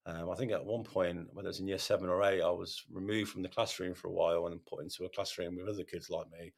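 A man, a podcast host, telling his own story in a candid interview, halting, with many ums and repeated words. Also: deep voice, steady tone, vocal fry.

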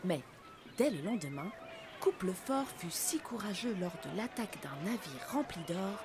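A woman narrating a children's storybook in an expressive, lively manner. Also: mid-range voice, moderate pace, noisy background.

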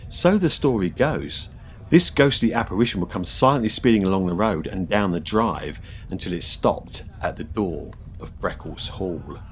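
A man tells a folk tale in a deep voice that rises and falls with lively expression. He is playful and engaged, a storyteller setting the scene in an old village pub. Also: normal speed, a little hiss or hum. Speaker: podcast co-host and storyteller. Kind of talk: storytelling narration and banter.

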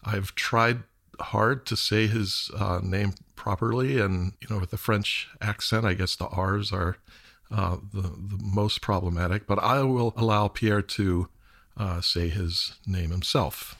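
A man hosting a podcast interview, introducing his guest in a halting way with many fillers. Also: fairly low pitch, fairly even intonation, fairly bright tone. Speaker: podcast host.

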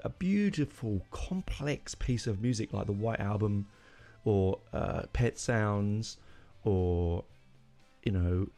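Gravelly low-voiced man musing aloud. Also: slow pace, mellow, faint music behind. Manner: rambling, self-correcting, opinionated. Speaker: podcast host. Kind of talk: casual solo monologue.

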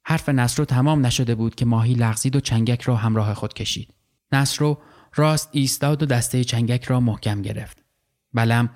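A man reading fiction aloud as a storyteller, with measured, dramatic delivery. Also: mid-range voice, darkish tone.

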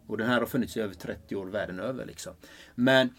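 Guy life coach talking about his purpose, earnest and excited, restarts a lot. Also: on the low side. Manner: earnest, enthusiastic, with many restarts. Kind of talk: casual conversation.

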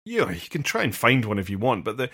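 An earnest man talks through ideas at length in a casual podcast discussion. His voice sits at an ordinary middle pitch. He halts, restarts and fills gaps as he thinks aloud. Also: wildly swooping pitch, fast, fairly bright tone, breathy edge. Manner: earnest, explains at length with many fillers and restarts. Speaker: podcast co-host, vicar.

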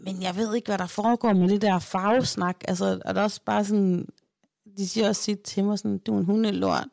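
A woman in her thirties co-hosting a casual podcast, her voice carrying a gravelly fry as she tells frank stories about her kids. She speaks into a close mic in a dry, deadened room. She slips into her children's voices when she quotes them. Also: medium pitch, fairly even intonation, darkish tone, no room sound. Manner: candid storytelling, acts out her kids' voices. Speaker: podcast co-host. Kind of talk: casual chat.

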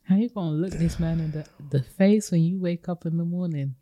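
Female podcast co-host, London accent, low register, relaxed conversational delivery with urban London slang. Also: brisk. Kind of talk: casual chat.

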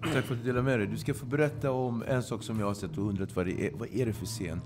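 A man's voice: on the low side, darkish tone, slight background noise. Curious male podcast host. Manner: inquisitive, prompts guests. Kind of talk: casual interview.

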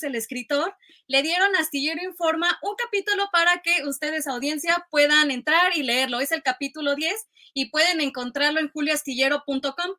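A woman's voice: sits high, sharp tone. A woman hosting a news programme, addressing the audience directly. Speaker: news host.

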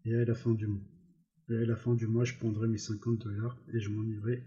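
A man reading aloud, voicing a weary, protective ranch worker who speaks in a flat monotone, on a slightly dull recording. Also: lowish voice, fairly quick, natural voice.

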